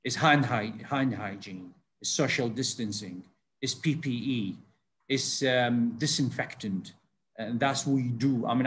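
A man's voice: medium pitch, slight background noise. An older man speaking on a video call panel as a food safety consultant, rambling with many fillers and restarts.

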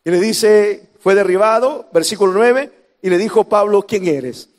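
A male pastor with a Salvadoran Spanish accent preaching a sermon, jumping from shouts to hushed lines and tossing in humorous asides to the congregation. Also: high voice, normal speed, in a large hall. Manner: preaching with sudden shouts and drops to near whispers.

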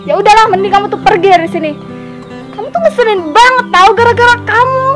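A woman's voice: very high voice, quick pace. A woman playing an unfaithful young wife who talks back sharply to her lover and pleads with her husband. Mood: defiant. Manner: defiant, sharp and mocking, then pleading. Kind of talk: amateur village drama acting. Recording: loud guitar music behind.

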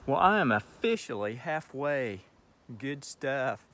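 A man's voice: medium pitch, very animated, slow, a bit bright, no echo. A middle-aged man vlogging casually while hiking, chatty and upbeat, talking into a phone held at arm's length on a wooded trail. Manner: upbeat, chatty, self-encouraging. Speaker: thru-hiker vlogger. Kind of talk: casual selfie vlog. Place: outdoors on a wooded forest trail.

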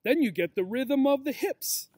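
Outdoors in a grassy yard, a man in his forties reads a picture book aloud as a teacher, using simple, encouraging talk for young children. His extremely high-pitched voice is expressive yet darkish in tone at normal speed, recorded with no room sound on a camera or laptop mic about arm's length away.

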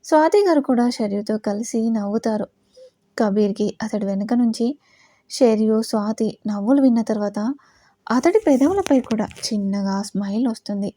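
A woman with a Telugu accent narrating an audio love story, voicing every character herself and going louder for quoted lines. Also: a little high, lively intonation, normal speed, no room sound, studio quality.

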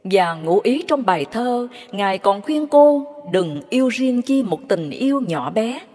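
A woman narrating devotional stories in a measured, reverent way. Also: a little high, sing-song, dark tone, faint music behind. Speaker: storyteller. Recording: long hall reverb.

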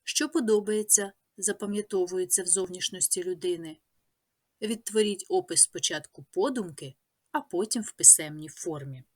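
Husky woman reading a language lesson. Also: fairly low pitch. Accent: Ukrainian. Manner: measured, listing words one by one. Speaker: teacher. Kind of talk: scripted lesson narration.

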